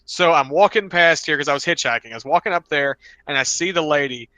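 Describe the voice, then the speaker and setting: Bright-voiced man telling a rambling story. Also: on the high side, quick pace, no room sound. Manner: rambling, restarts often, acts out quotes. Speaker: podcast co-host. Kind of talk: casual storytelling chat.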